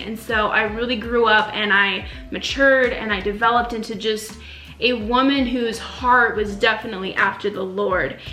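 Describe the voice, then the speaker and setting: Young woman, earnest casual chat, fillers, slightly high voice, echoey room, faint music behind. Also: sharp tone. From Romania. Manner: earnest, frequent ums and likes. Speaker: faith vlogger. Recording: roomy echo with faint music.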